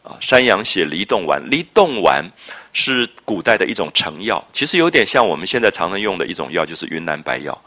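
Lecturing on a classic novel, this man speaks in a low, forceful voice whose pitch moves up and down with energy. He explains things slowly and reflectively, dotting his speech with interjections and rhetorical checks on whether his audience is keeping up.

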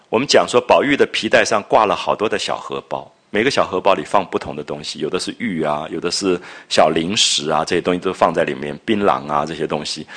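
Husky, low-voiced male lecturer. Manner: animated storytelling with asides and rhetorical questions. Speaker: literature lecturer. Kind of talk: lecture explaining a classic novel.

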